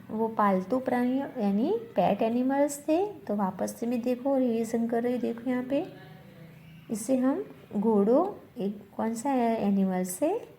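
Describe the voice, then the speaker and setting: A woman's voice: on the high side, mellow, slight background noise. A woman teacher leading a revision lesson, spelling words letter by letter, repeating them and answering her own questions. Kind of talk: slow classroom revision lesson.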